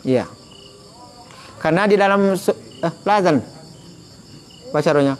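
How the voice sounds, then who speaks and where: A man's voice: high voice, measured pace. A man teaching an Arabic class, patiently correcting pronunciation and laughing often.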